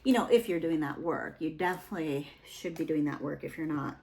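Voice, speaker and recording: A young woman with a lowish voice talks through a tarot reading in a loose, chatty way. She rambles and circles back, leaning on fillers as she goes. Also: brisk, gravelly, heavy background noise. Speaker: tarot reader.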